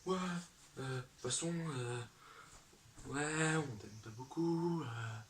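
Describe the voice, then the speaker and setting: Dopey, stammering male thugs muttering taunts through a string of fillers, as a man puts them on, pitched well above his usual low voice. The voice sits at a distance from the mic. Clear noise runs behind it. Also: takes it slowly, echoey room, close to an everyday voice. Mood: taunting.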